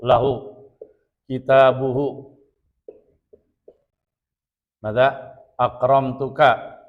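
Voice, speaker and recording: A man with an Indonesian accent teaching Arabic grammar to a class, quizzing students and slowly repeating key terms. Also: medium pitch, flat delivery, narrow, tinny audio. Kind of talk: classroom lesson. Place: Islamic boarding school classroom.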